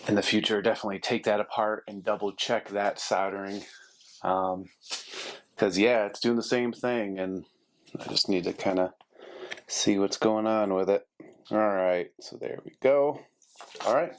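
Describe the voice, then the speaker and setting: Working on a repair at his desk in a carpeted indoor space, a man thinks aloud and narrates casually, much like a DIY video host. He has a lowish voice, and there is slight background noise.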